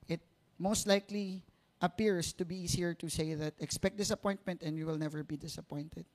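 Higher-voiced Filipino man preaching in Taglish. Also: fairly even intonation, fairly quick. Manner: switches between Tagalog and English; conversational, seeks agreement with rhetorical tag questions. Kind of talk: sermon.

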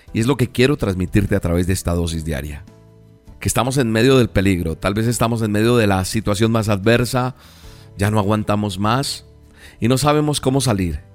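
A low-voiced man delivers a devotional radio sermon as a story, speaking earnestly and repeating words for emphasis. Faint music plays beneath him. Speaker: preacher.

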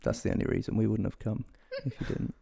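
A man co-hosting a casual podcast from a guest's home, chatty and jokey with quick asides. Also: on the low side, fairly even intonation, creaky, mellow, breathy edge. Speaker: podcast co-host.

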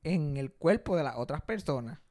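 A young Puerto Rican man hosting a podcast, telling family stories in a casual, animated way and laughing often. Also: on the high side, normal speed. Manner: animated, laughing, crude jokes. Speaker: podcast host. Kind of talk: casual storytelling chat.

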